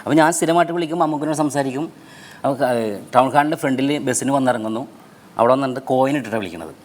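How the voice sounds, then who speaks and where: Middle-aged guy telling a story on a tv show, talks fast, acts out the phone calls. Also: mid-range voice. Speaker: guest.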